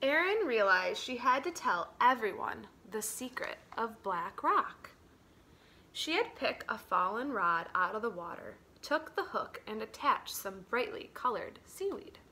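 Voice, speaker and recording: Very animated, a teacher with a high, bright voice reads a picture book to children, unhurried, slow and dramatic. She swings from hushed lines to strong, emphatic ones. A little hiss or hum is audible.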